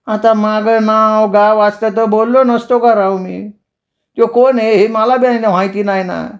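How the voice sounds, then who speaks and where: A man voicing an excitable village man who points out a stranger, in a dull lo-fi recording. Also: sits high, measured pace, voice pushed up. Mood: excited. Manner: excited, urgent.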